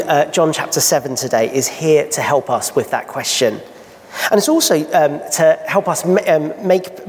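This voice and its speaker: A man's voice: a little high, gravelly, a little mellow. A man preaching a sermon in church, asking rhetorical questions and painting vivid scenes. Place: church hall. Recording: long hall reverb.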